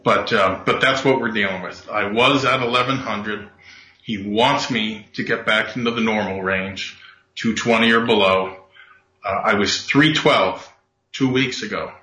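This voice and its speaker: A man who is a regular guest expert on a radio show, heard over a speakerphone and explaining things in a steady, factual way. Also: lowish voice, unhurried. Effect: sounds like a speakerphone. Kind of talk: casual radio talk. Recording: roomy echo through a speakerphone.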